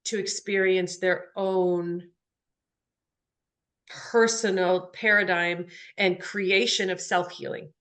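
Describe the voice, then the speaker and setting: A woman's voice: on the low side, steady tone, takes it slowly, a bit bright. A woman hosting a spiritual podcast, talking earnestly about soul, energy and healing. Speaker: podcast host.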